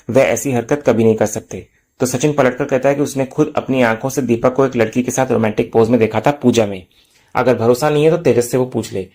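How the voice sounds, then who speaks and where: A man calmly narrates an episode recap, walking through the scenes one after another. His voice sits at an ordinary middle pitch. The delivery is plain and even, like a reviewer talking his audience through what happened. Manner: steady storytelling, plain retelling of scenes.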